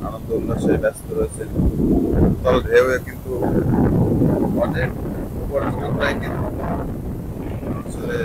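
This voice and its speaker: A man with a Bangladeshi accent gives live on-location commentary as a reporter, speaking in halting, repetitive short bursts outdoors on a beach. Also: mid-range voice, steady tone. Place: outdoors on a windy sea beach. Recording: very loud wind and waves on mic. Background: wind, surf noise.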